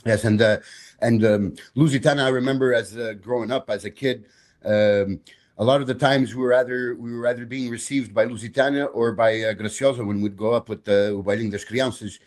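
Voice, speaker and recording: A man of middle pitch hosting a casual podcast interview. He stumbles and repeats words as he works toward each question, keeping the tone relaxed. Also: brisk. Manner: stammering repeats, laughs along. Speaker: podcast host.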